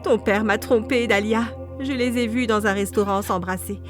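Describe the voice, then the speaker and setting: A woman plays a hurt, bitter mother in an animated story, her voice low and sorrowful. Loud music runs behind her. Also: moderate pace, natural voice. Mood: sad.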